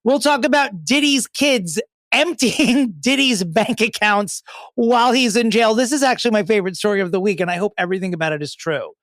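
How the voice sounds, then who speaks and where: A man's voice: sits high, fairly quick, fairly bright tone, no room sound, clean studio sound. Sardonic, campy man co-hosting a podcast. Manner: campy, sardonic, swears freely. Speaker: podcast co-host. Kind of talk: casual pop culture chat.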